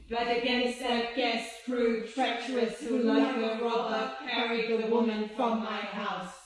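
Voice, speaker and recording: A drama student reciting a classical verse speech in a slow, declaiming way, recorded from a distance in an echoey room. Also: mid-range voice, flat delivery.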